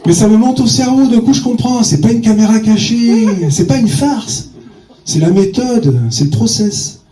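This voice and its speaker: A man's voice: very high-pitched, moderate pace, mellow, roomy sound, distant mic. A stand-up comedian man telling a crude story on stage, with a bawdy, punchy delivery and sudden jumps in his voice.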